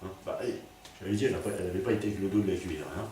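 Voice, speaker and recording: Man, deep voice, rambling comic storyteller, punning, heavy echo, faint hiss. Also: steady tone, rapid-fire, dark tone. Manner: rambling, full of fillers and puns. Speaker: comedian. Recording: very echoey, distant, faint noise.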